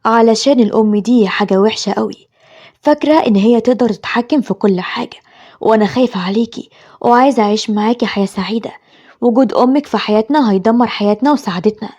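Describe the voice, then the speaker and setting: A woman's voice: a little high, fast talker, a little mellow, muffled recording. A woman with an Egyptian accent voicing a harsh, controlling young husband who speaks in threats and commands. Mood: bitter. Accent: Egyptian Arabic.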